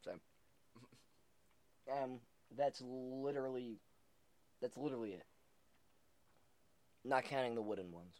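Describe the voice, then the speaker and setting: A man's voice: medium pitch, slow, long pauses. A young man chatting casually, swearing often and breaking into laughter as he tells stories. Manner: profane, laughs often, animated storytelling. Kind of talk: casual chat.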